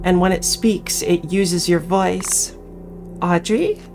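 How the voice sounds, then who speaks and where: Reading a visual novel aloud as she plays, a woman mixes in her own casual commentary while game music plays behind her. Her voice is fairly low and darkish, with a flat delivery and slow pace.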